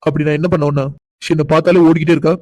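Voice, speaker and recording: A pushy, doting young man from a cartoon, voiced by a man. He coaxes and insists in a fairly high, very flat voice. The sound is dry and close. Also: racing, no echo, lightly acted, poor audio. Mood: coaxing. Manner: coaxing, insistent. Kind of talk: cartoon voice acting.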